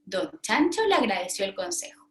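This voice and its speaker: A woman pedagogue reading a children's story aloud and pausing to model questions, in an animated, teacherly way. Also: medium pitch. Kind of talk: interactive storybook reading demonstration. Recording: roomy echo.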